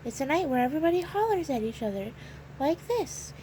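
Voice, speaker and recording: Lady doing a goofy hollering hatter guy from a storybook, high and bouncy, slow stretched-out words. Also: sing-song, dark tone, a little hiss or hum, rough recording. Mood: jolly. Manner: playful, drawn-out exclamations. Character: silly excitable male hatter, loud and hollering.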